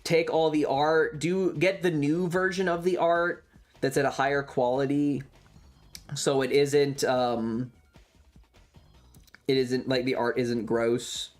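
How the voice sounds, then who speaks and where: With soft music in the background, a variety streamer talks on a livestream in a medium-pitched, steady voice, going slowly with long pauses. The chat is casual and opinionated, rambling and repetitive, with some offhand profanity.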